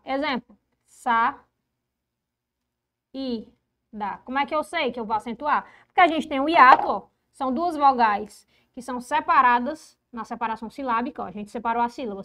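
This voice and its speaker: A woman teaching a grammar lesson, explaining rules step by step and slowing down to repeat key points. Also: high-pitched, fairly bright tone. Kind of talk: online exam-prep grammar lesson.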